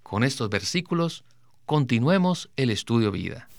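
A man hosting a Bible study program, reading scripture slowly and deliberately. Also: mid-range voice, big pitch swings, vocal fry, dry recording. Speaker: radio program host.

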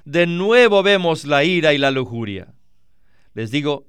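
A man preaching a sermon in a high, slow, carefully paced voice. He is earnest and emphatic and speaks directly to his listeners. His tone is clear and smooth, recorded dry and close. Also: no echo.

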